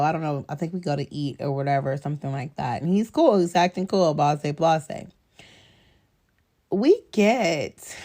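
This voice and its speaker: Low-voiced woman telling a story. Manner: animated, laughing often, swearing freely; candid, streetwise storyteller. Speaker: podcast host. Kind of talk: casual storytelling.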